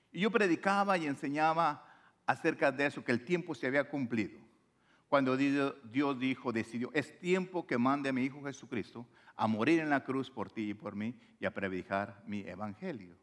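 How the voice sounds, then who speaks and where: A man from Mexico with a Mexican Spanish accent, preaching a sermon and acting out the voices he quotes. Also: fairly high pitch. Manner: animated, acts out quoted voices.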